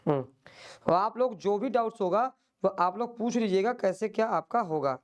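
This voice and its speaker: A man's voice: high-pitched, expressive, moderate pace. A male teacher giving an online exam-prep lecture, patiently explaining and drilling by repeating questions and answers.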